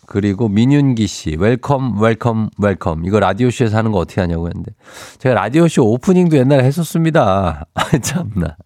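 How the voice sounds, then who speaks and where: A man's voice: on the low side, expressive, fairly quick, few pauses, darkish tone, dry recording, studio quality. A man hosting a morning radio show, chatting playfully and reading listener texts aloud. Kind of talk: casual morning radio chat. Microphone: studio microphone.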